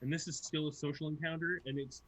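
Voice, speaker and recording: A man's voice: a little high, flat delivery, quick pace, poor audio. A man narrating a tabletop game as its game master.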